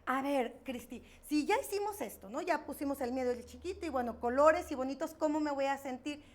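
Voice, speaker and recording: A woman hosting a chat, asking her guest questions in a lively, chatty way. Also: high voice, fairly quick. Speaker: host. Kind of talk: casual chat.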